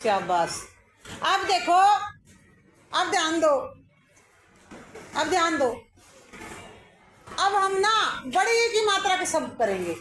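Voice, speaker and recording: A woman's voice: very high-pitched, very animated, slow pace, pauses often, fairly bright tone. Woman teacher giving a lesson in an echoey classroom, calls on kids and corrects them. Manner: instructive, calls on pupils, praises and corrects. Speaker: schoolteacher. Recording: echoey classroom with music over it.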